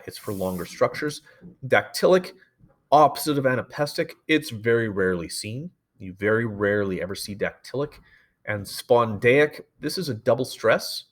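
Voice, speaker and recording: A male teacher talks through a recorded lesson in a mid-range voice. He explains patiently and informally, often pausing on fillers and correcting himself mid-sentence. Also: mid-range voice, fairly bright tone. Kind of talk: recorded classroom lecture.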